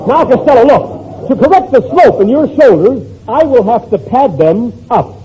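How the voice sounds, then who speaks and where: An actor playing a pompous, irritable bald professor of fashion in 1940s radio comedy, with florid vocabulary. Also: male voice, very high voice, animated, moderate pace, mellow. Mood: scornful. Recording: muffled old radio recording, faint noise.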